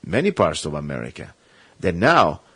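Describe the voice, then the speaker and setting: A man's voice: low voice, huge pitch swings, moderate pace, a bit bright, breathy edge, no room sound. A man hosting a talk radio show, delivering an emphatic, rambling, impassioned monologue.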